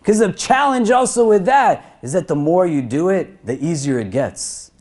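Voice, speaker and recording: In this Friday sermon, the imam speaks expressively at normal speed to a crowded prayer hall. He stacks up lists and questions, growing higher and louder, and then lowers his voice to settle each point.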